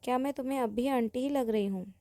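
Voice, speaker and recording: A woman voicing a playful, quick-tempered woman who teases in a mock-offended way. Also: fairly high pitch, dark tone, dry recording, natural voice. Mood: teasing.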